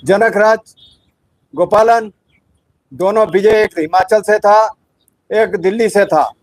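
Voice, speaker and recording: A man's voice: high-pitched, takes it slowly, no echo, rough recording. A middle-aged ex-serviceman making an angry, confrontational statement in a protest video. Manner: indignant, confrontational, accusing. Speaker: ex-serviceman activist.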